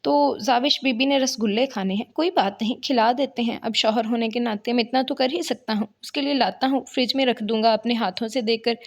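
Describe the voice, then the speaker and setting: A woman voicing a proud young husband who talks gruffly and curtly to his wife. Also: on the high side, hardly any pauses. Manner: gruff and curt.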